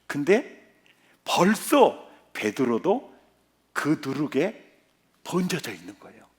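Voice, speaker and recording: A man's voice: fairly high pitch, slow pace. A male pastor preaching a revival sermon, often putting questions to the congregation. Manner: animated, quizzing the congregation.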